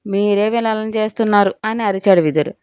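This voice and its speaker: A woman narrating a scripted audio story with an expressive reading style. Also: medium pitch, fast, clean tone, dry recording, muffled recording.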